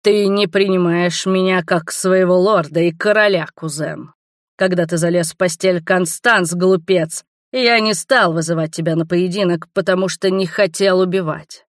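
A woman's voice: lowish voice, no room sound, studio quality, close to an everyday voice. A woman voicing a menacing, growling male dragon king in an audiobook. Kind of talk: audiobook character reading.

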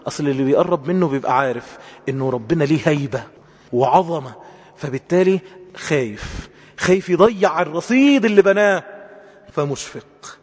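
A man with an Egyptian accent delivers a sermon, pressing his points with emphatic, high-flung exclamations. His voice sits on the higher side for a man. It rings out with a long reverb, as if in a large hall. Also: expressive, brisk, breathy edge. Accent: Egyptian Arabic. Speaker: preacher.

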